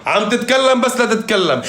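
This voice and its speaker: A man giving animated live-stream commentary on a reality show. He is emphatic and often repeats his phrases. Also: sits high, reverberant.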